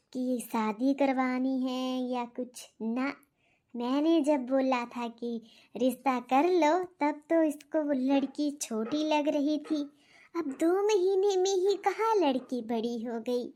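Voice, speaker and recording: A woman voicing a stern, nosy old grandmother who lectures slowly in a cartoon. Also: high-pitched, warm tone. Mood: sly. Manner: slow, lecturing, reminiscing. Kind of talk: cartoon voice acting.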